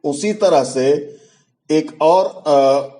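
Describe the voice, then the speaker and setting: A man's voice: a little high, extremely slow, mellow. A man teaching a Hindi pronunciation lesson, explaining letter sounds carefully and drawing out each example sound.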